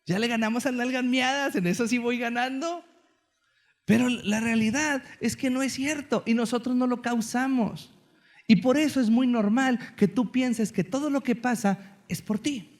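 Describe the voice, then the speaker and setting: High-voiced joking Mexican preacher. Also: male voice, normal speed. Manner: animated, joking storyteller. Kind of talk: sermon.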